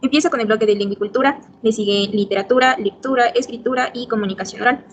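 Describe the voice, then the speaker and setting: A woman gives a brisk scripted presentation of a school curriculum. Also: on the high side, lo-fi sound, a little hiss or hum.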